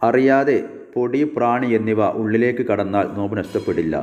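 A man with a low, mellow voice reads a numbered list in a measured, instructive way. A long reverb trails behind every phrase.

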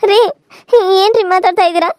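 A woman with a very high, thin voice voices the characters of a village cartoon serial. She wails, pleads and scolds in turn. The recording is close and dry, with no room sound around her. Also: fairly even intonation, a little fast, a little mellow, dry recording. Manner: wailing, pleading and scolding in turns.

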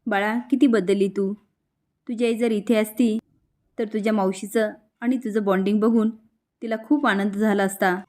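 A woman reading a remorseful gentle father. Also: medium pitch, fairly even intonation, normal speed, close to an everyday voice. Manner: apologetic, soft. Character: remorseful father apologising to his daughter, gentle.

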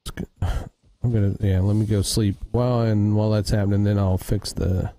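A man's voice: fairly low pitch, fairly even intonation, fairly quick, dark tone. A man hosting a casual gaming livestream, thinking aloud as he fiddles with his audio settings. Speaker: streamer host.

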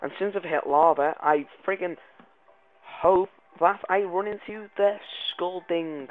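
A man giving excitable, jumpy let's play commentary, swearing and yelling when startled. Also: high voice, a little slow. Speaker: gaming video creator. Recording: tinny lo-fi mic sound.

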